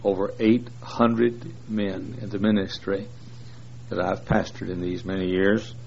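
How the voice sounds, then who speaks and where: Speaking a little slowly in a deep, level voice with vocal fry and a somewhat mellow quality, a man in his sixties addresses a large church congregation as a guest preacher. He cracks folksy jokes full of fillers, and the lo-fi recording is dull with faint noise.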